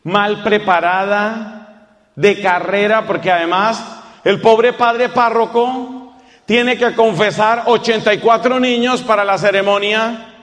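High-voiced man preaching, unhurried. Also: fairly even intonation, fairly bright tone, long reverb tail. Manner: storytelling, acting out scenes. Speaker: priest. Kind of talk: sermon.

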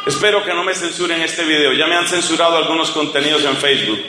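A man's voice: on the high side, quick pace, noisy background. A man preaching a sermon in an impassioned, sarcastic and rhetorical way, recorded in an echoing hall.

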